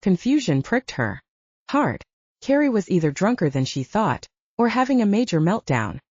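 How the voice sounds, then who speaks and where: A woman narrating a romance audiobook with expressive storytelling. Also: mid-range voice, normal speed, slightly rough, no room sound, muffled recording. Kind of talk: scripted narration.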